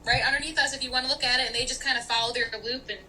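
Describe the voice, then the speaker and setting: Young woman, casual podcast chat, bright, slightly high voice, animated with frequent fillers. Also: rapid-fire, a little hiss or hum, low-quality recording. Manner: animated, laughing, many fillers.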